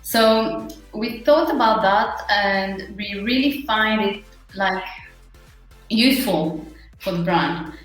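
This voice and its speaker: A woman with a Mauritian accent answering interview questions in an earnest, halting, conversational way. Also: mid-range voice, animated. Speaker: interview guest, small business owner. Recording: very echoey room, faint music.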